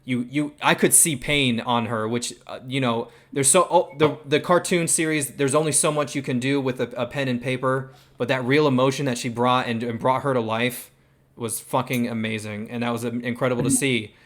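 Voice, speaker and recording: A man in a mid-pitched, ordinary voice hosting a live talk stream. He gets excitable and swears freely as he rushes through his praise. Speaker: stream host. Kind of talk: casual chat.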